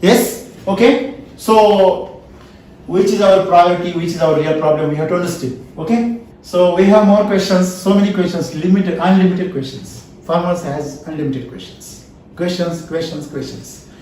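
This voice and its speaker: His voice is high-pitched and dark, at a normal speed, with a little hiss or hum on a distant mic in an echoey room. The founder of a farming seminar, speaking Indian English, repeats his points and repeatedly asks the audience "yes or no?".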